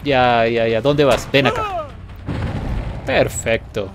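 A man giving playful, taunting live commentary while playing a game, now and then breaking into excited laughter. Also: medium pitch, takes it slowly, music in the background. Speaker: gaming video host.

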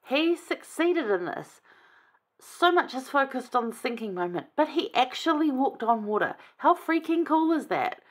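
A woman's voice: high-pitched, sing-song, moderate pace. A woman giving a casual, chatty scripture lesson, enthusiastic and conversational. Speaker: scripture study teacher.

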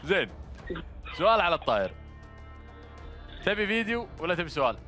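A male game show host with a Gulf Arabic accent talks briskly in a slightly high voice. He banters and encourages, speaking into a headset mic over faint music. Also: sing-song, pushed and bright. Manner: bantering, encouraging callers with blessings. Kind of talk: live TV quiz hosting with phone callers. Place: small studio set dressed as instrument shop. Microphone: headset microphone.

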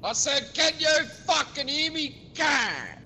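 A man's voice: very high-pitched, big pitch swings, slow, vocal fry, big-room sound. A man talking in casual game voice chat through a crackling mic that keeps cutting out; he speaks bluntly and repeats himself to be heard. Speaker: stranger player in proximity voice chat.

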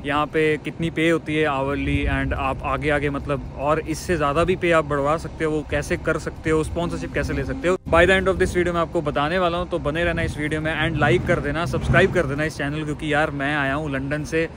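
A man's voice: on the high side, little pitch movement, fairly quick, few pauses. A young man talking casually to a phone camera held at arm's length, moving between a truck depot and a truck cab. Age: young adult. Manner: chatty, mixes Hindi and English. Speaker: vlogger. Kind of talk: casual vlog talk to camera. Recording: noisy outdoor phone recording.

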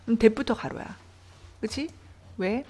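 A woman's voice: on the high side, slow, darkish tone, a little hiss or hum. A woman English teacher explaining reading passages and grammar step by step, asking her students questions as she goes. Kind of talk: online English reading lesson.

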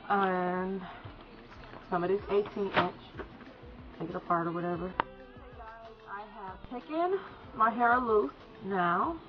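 A young woman with a slight cold chats casually through a hair tutorial, calling her viewers "guys." Her mid-range voice is a little slow and she pauses often. She's in a small indoor room beside a folding screen, and the lo-fi recording sounds dull, with music playing behind her.

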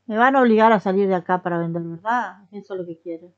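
This gaming streamer, a young woman with a Rioplatense accent, speaks quickly in a mid-range voice as she plays a life sim and addresses its characters in casual commentary. The audio has its highs cut off.

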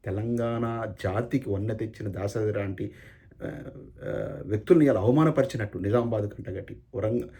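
A man's voice: fairly low pitch, dark tone. A man giving an impassioned political speech, firing off repeated angry rhetorical questions. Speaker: political commentator.

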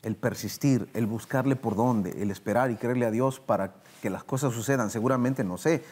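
A man's voice: mid-range voice, moderate pace, darkish tone, breathy edge. Male host, studio interview, reflective and affirming. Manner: affirming with short "mm" responses, asks reflective questions.

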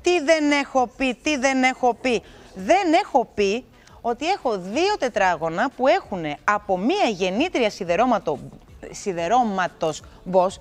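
Lively, chatty woman hosting a TV game. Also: fairly high pitch. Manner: lively, chatty and playful, talks straight to viewers. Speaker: TV show host. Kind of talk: chatty TV game show presenting.

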